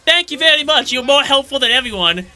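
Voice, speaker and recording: High, bright, theatrical gaming commentator. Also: animated, fast talker, soft background music. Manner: theatrical, jokey, prone to shouting. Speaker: let's-play commentator. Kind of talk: comedic gameplay commentary.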